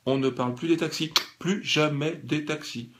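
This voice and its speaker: A man vlogging a casual satirical monologue, ironic and halting, with many fillers. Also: fairly high pitch, fairly even intonation, a bit bright.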